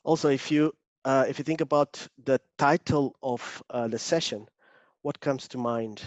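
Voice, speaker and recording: A man's voice: mid-range voice, moderate pace, no room sound, dull audio. A man from Portugal with a Portuguese accent, an agile coach giving an online workshop, hesitant with many fillers and restarts. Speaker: agile coach presenting a webinar. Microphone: video call.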